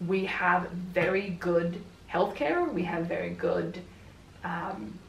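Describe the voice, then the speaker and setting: Speaking English with a Swedish accent, a woman in her twenties who runs a book vlog rambles on while putting furniture together at home, laughing between thoughts. Her lowish, creaky voice has lively intonation and an unhurried pace. She's a little away from the camera in an echoey room, with slight background noise.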